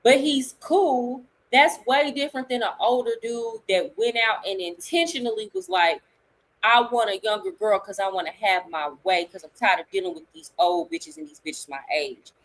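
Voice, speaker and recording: A woman's voice: fairly high pitch, fairly even intonation, normal speed, low-quality recording. A woman hosting a live talk stream, speaking bluntly and laying out her opinions point by point. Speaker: livestream host.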